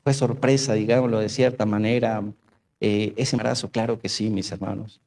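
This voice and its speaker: A middle-aged pastor preaches in a mellow, dark-toned voice, weaving a personal testimony into his sermon. His voice swells and then drops low and soft as he tells it, calling often to his listeners as brothers. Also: little pitch movement, normal speed, vocal fry, a little hiss or hum. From Colombia. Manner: storytelling, repeating "mis hermanos", voice rising and dropping with emotion. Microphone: radio studio or church mic.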